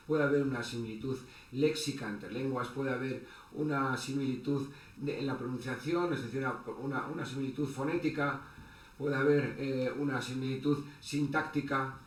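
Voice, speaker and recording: A man giving an online lecture as a teacher, halting, with many fillers and restarts. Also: medium pitch. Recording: echoey room with faint background noise.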